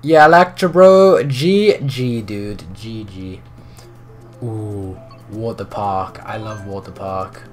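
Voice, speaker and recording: A teenage boy streams a racing game, chatting with viewers and commentating live over soft background music. He speaks slowly in a fairly low voice, yet he's excitable and talkative, and his voice, breaking with puberty, keeps cracking.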